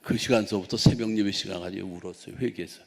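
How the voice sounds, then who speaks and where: A man preaching a sermon as a pastor, telling a story with lively storytelling and acted-out dialogue. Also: fairly low pitch, fast, gravelly, big-room sound. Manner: animated storytelling, acting out dialogue.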